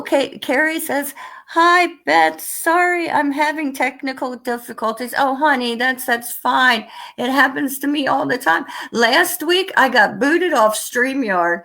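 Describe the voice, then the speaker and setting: A woman's voice: high-pitched, a bit bright. An American woman hosting a casual interview over a video call, bubbly and rambling, laughing often as she talks. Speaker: host.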